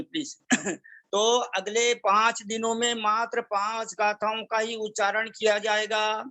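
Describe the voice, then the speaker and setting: High-voiced man teaching scripture recitation. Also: sharp tone. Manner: slow, measured chanting of verses, stressing vowel lengths; mixes English phrases into Hindi. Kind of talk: religious class with chanted verses.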